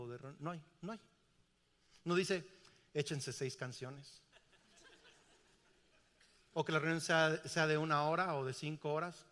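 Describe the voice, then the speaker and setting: A man's voice: a little high, fairly bright tone. A middle-aged man, preaching a sermon emphatically and asking the congregation questions. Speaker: pastor. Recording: reverberant church hall.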